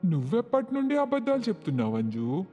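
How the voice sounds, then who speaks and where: A woman voicing a calm, easygoing man, the husband and son in the story. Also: fast, lightly acted. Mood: teasing. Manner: low, mellow put-on male voice. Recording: distant with long reverb and music.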